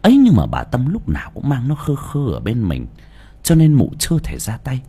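Male narrator, audiobook story, husky, very lively pitch, dramatic reading. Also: moderate pace.

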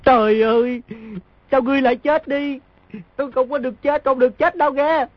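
A man's voice: extremely high pitch, fairly even intonation, a little fast, no room sound. A man voicing a crafty young boy in an audiobook, putting on whiny fake wails. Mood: fake wailing. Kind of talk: audiobook character voice. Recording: dull lo-fi dry recording.

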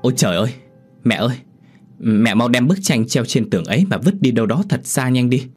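A man's voice: medium pitch, animated, a little slow, soft background music, voice pushed up. A man voicing a frightened grown son who urgently pleads with his mother, in an audio horror story. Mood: panicked pleading. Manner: anxious, urgent.

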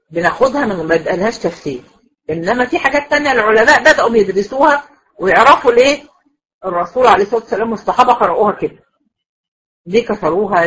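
A woman with an Egyptian Arabic accent lectures a class on Quran recitation, patiently going over points more than once and posing checking questions to her students. She has a medium-pitched, fairly bright, husky voice on a rough recording.

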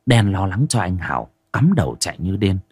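A man narrating a horror audio story in a dramatic, expressive storytelling way. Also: low-pitched, a little fast, breathy edge, dry recording. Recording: dry close recording with faint music.

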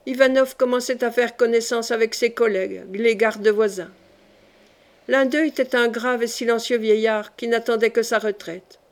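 A woman reading a short story aloud in a measured, steady narrating style. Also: a little high. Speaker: audiobook reader. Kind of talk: scripted narration.

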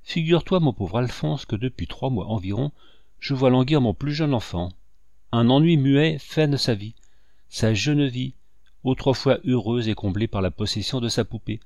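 A man voicing a gentle, grieving father in a storybook reading, earnest and tender as he lectures his nephew. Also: medium pitch, animated, normal speed, dry recording, lo-fi sound, lightly acted.

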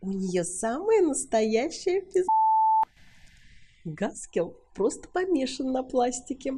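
A woman voicing a brazen, seductive woman who teases and coaxes in a breathy, mocking way, in an audiobook reading. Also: high-pitched, big pitch swings, slow, warm tone, voice pushed up, full character voice. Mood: gushing.

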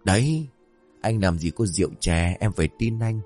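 A hapless young husband full of bluster who soon turns to begging, as a male narrator plays him. His low voice lifts and swings, with a faint tune behind. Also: expressive, normal speed, darkish tone, faint music behind. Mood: bragging. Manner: cheerful bragging, pleading.

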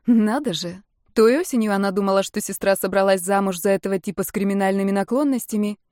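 A woman reading a novel aloud in measured, even scripted narration. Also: mid-range voice, no room sound, studio quality. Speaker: audiobook narrator.

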